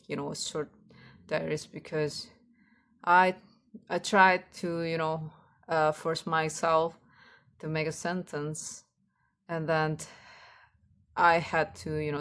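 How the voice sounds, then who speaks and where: This low-voiced woman, accented Indonesian, talks in a casual, rambling way like someone practicing for her vlog. She stops and starts, reaching for words and going back over her phrasing.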